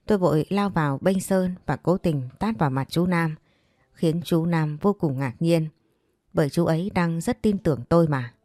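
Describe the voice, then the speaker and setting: A woman narrating an audio story in a steady storytelling manner. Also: sits low, normal speed, no echo, clean studio sound. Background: faint music.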